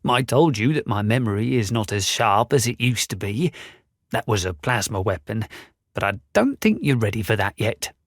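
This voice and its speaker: A man's voice: lowish voice, expressive, moderate pace, no room sound. Audiobook casting: a man playing a forgetful old tinkerer, patient and instructive, dry close read. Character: old male inventor, kindly, forgetful. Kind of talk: audiobook character voice.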